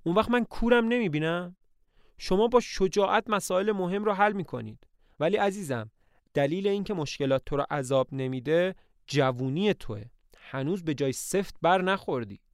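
A man's voice: high-pitched, expressive, no room sound, studio quality, pitched above the performer's own voice. A man reading aloud voices an anxious aristocratic older woman who owns the estate, speaking in a plaintive, sighing way. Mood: pleading.

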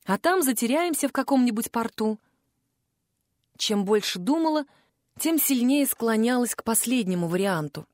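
Woman, audiobook narration, fairly high voice, dry close sound. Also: animated, moderate pace, darkish tone, no room sound. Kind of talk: first-person audiobook narration.

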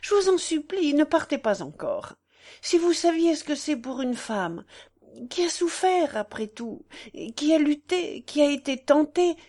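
A woman's voice: high-pitched, darkish tone, pitched above the performer's own voice. A woman reading the part of a young wife defending herself, with pleading, earnest delivery.

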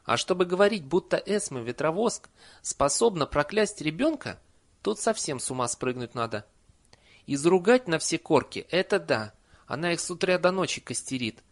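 A man reading an audiobook voices a chatty, shrewd old village witch woman in brisk, homely folk speech. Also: on the high side, animated, voice pushed up. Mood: frank.

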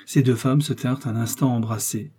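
A man narrating a classic novel in a measured, steady reading voice. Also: mid-range voice, breathy edge. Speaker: audiobook narrator.

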